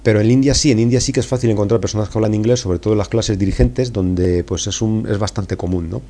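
A middle-aged Spanish man, a podcast host and English teacher, talks through a casual lesson with a Spanish accent, chatty and digressive, full of fillers and tag questions. His fairly low voice is warm and fast, with fairly even intonation.

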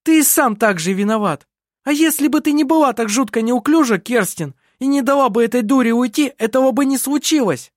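A reader voicing a defensive, shouting young woman in an audiobook. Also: high voice, expressive, brisk, dry recording, studio quality, voice pushed up. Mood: shrieking. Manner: shrieking, defensive. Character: young woman, hysterical sister. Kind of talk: audiobook character voice.

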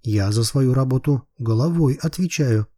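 A man's voice: medium pitch, moderate pace, dark tone, no echo, studio quality, natural voice. A man reading an audiobook, voicing a touchy, boastful middle-aged private eye who talks curtly. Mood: gruff.

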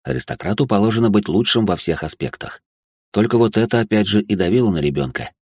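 A man's voice: lowish voice, expressive, quick pace, darkish tone, slightly rough, dry recording, studio quality. A man narrating an audiobook in a casual, slangy storytelling manner.

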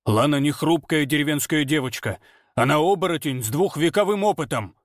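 A man's voice: fairly high pitch, a little fast, no room sound, clean studio sound, pitched above the performer's own voice, natural voice. A man playing a growling werewolf father. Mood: protective.

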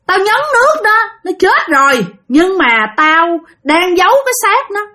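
A woman's voice: sing-song, normal speed, bright, forceful tone, full character voice. A woman voicing the vengeful spirit of an old great-uncle who has possessed a relative; he threatens and repeats himself. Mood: menacing. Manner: shrill, threatening, repeats words.

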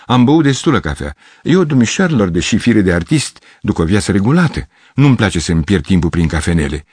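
A man's voice: on the low side, big pitch swings, a little mellow, husky, no echo. A man voicing a pompous, dramatic middle-aged male pianist who speaks in pathetic exclamations, in a storybook reading. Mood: pathetic, agitated.

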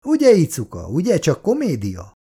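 Man voicing a timid old man, wheedling, sly, lively pitch. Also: husky, exaggerated voice. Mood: pleading, sly.

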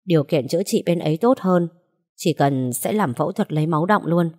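A woman voicing a gentle, worried middle-aged husband who speaks quietly. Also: on the low side, fairly quick. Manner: quiet, calm.

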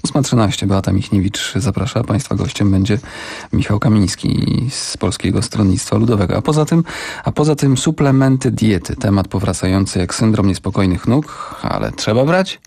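A man's voice: lowish voice, moderate pace, creaky, darkish tone, slightly rough, no echo. A man hosting a morning radio show, announcing the programme and reading press headlines with wry asides. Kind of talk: casual radio presenting. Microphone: studio microphone.

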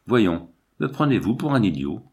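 A man puts on a grating, brutal male accomplice for an audiobook. The figure is suspicious and hostile, clipped in every reply, with a slightly low voice. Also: big pitch swings, normal speed, mellow. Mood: surly. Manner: curt, hostile, threatening. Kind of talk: audiobook character voice.

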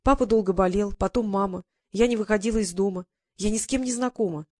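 A woman's voice: mid-range voice, fast talker, a little mellow, dry recording, studio quality, natural voice. A woman reading as a shy, pleading young woman. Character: timid, earnest young woman, the niece. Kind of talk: audiobook character reading.

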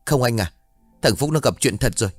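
A man's voice: mid-range voice, expressive, a little fast, dry recording, soft background music, voice pushed up, lightly acted. A man voicing a middle-aged bus company owner who brings bad news urgently and earnestly.

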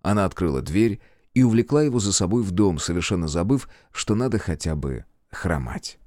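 A man reads an audiobook in a very low voice with wide, lively intonation. His delivery is measured and expressive. The recording is dry and close. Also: dry recording. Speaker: audiobook narrator. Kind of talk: scripted narration.

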